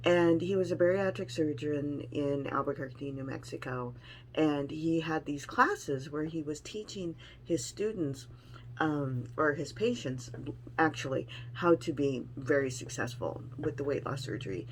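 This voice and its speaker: A woman's voice: low voice, unhurried, slight background noise, rough recording. A middle-aged woman talking in a casual personal vlog, rambling and frank with some salty language. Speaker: vlogger sharing weight-loss surgery experience.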